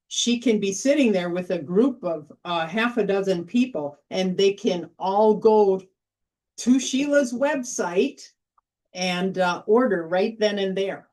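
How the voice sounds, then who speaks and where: A woman's voice: medium pitch, a little mellow. Chatty middle-aged woman leading a workshop. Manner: chatty, storytelling, emphatic repetition. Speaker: workshop host. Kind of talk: informal sales workshop talk.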